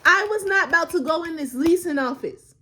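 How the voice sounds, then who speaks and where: A woman's voice: very high voice, a little fast, bright, forceful tone. Tearful woman giving a faith testimony. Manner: emotional, repeats phrases for emphasis. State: close to tears. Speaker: vlogger sharing a faith testimony. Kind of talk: casual personal testimony.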